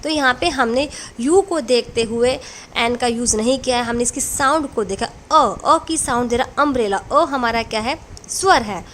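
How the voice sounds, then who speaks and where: A woman's voice: on the high side, moderate pace, a bit bright, slight background noise. A woman teaching English grammar in a classroom lesson, explaining rules patiently and answering her own questions as she goes.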